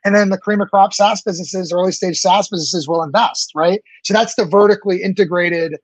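A man in his late thirties talks up his startup with a rather high voice. He runs on quickly and enthusiastically, padding with ums and restarting phrases. The sound is dry and close. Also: steady tone, slightly rough, dry recording, poor audio. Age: 30s. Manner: fast, enthusiastic, many fillers and restarts. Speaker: startup founder guest. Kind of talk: business interview answers.

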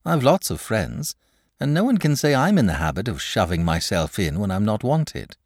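A man's voice: fairly low pitch, big pitch swings, normal speed, no room sound. A polite, slightly weary young boy speaks in a lightly raised voice, as a man reads him aloud. He sounds well-mannered and a little tired. The sound is dry and close.

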